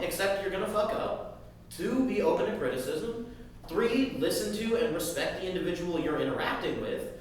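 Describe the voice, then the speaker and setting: Awkward sardonic slacker dude, a guy reading it, high lively voice, echoey far mic. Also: slight background noise. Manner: hesitant, casual, swearing. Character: slacker young mixed-race man, awkward, sardonic. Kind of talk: table read.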